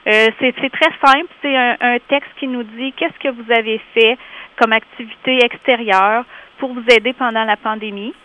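Québécois lady on the phone line, tinny sound, higher voice, lots of euhs. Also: steady tone, moderate pace. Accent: Québécois French. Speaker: community organization representative. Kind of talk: casual radio interview by phone.

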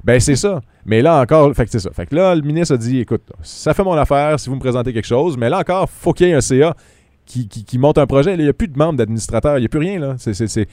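Quebec man, radio news host, quick chatty delivery, dark dry voice. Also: mid-range voice, expressive, dry recording. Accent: Quebec French. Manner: quick, chatty, restarts and fillers. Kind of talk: news report and casual radio chat.

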